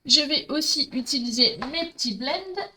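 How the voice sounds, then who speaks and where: Woman, Marseille accent, talkative live crafting host, bright forward voice, middle-aged. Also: high-pitched, expressive, moderate pace, a little hiss or hum. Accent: Marseille French. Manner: chatty, talkative, addresses viewers directly. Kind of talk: live crafting tutorial, chatting with viewers.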